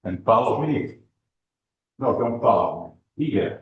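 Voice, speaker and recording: A man leading a group pledge at a club meeting, brisk and jokey. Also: lowish voice, lively intonation. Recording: very echoey, distant, dull room recording.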